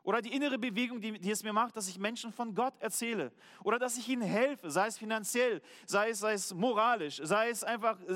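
A German man preaching a sermon as pastor, earnest, slowing down to stress key words. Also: sits high, a bit bright, long reverb tail.

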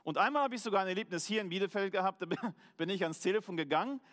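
High-voiced German pastor in a reverberant hall. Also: male voice, a bit bright. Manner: earnest, slows down to stress key words. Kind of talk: sermon.

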